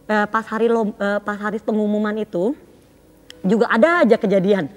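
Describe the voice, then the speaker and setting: A woman's voice: mid-range voice, moderate pace. A mother giving a testimony at church, talking with feeling, with many fillers, and slipping English words into her speech. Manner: emotional, many fillers, shifts between Indonesian and English.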